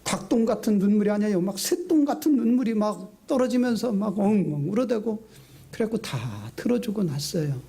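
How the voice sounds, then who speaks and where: Middle-aged pastor guy preaching, high voice, mellow tone, jumps from excited to hushed. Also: brisk, creaky. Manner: lively storytelling, acting out quotes; sudden swings between high excited and low hushed delivery. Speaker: senior pastor. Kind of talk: sermon.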